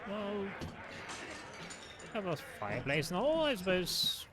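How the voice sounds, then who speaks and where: A man with a high, very animated voice narrates in character as a game-playing storyteller. He is polite, theatrical and hesitant. Game ambience is clearly heard behind him. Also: slow, noisy background.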